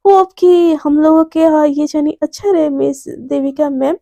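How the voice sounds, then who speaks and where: A woman's voice: high voice, moderate pace, creaky, dark tone, no echo. A woman doing a cheeky young assistant. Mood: teasing. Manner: teasing, sweetly cheeky.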